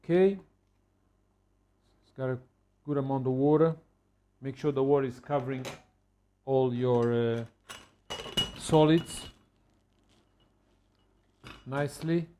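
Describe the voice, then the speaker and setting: Man, mid-pitched, casual home-cook demo, halting with fillers. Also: slight background noise. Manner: relaxed, halting, with many fillers. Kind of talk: casual cooking demonstration.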